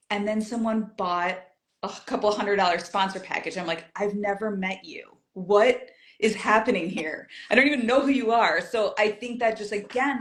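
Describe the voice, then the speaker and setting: A woman's voice: mid-range voice, fairly bright tone, reverberant. A woman chatting as an interview guest, telling stories and acting out her own past thoughts. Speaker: guest, community group founder. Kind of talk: casual interview chat.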